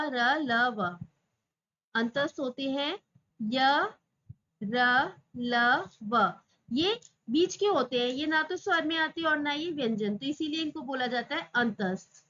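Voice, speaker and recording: A woman teaching an exam-prep lesson. She asks questions and answers them herself, and she slowly draws out the example sounds. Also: high voice, a bit bright. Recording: slightly dull lo-fi audio.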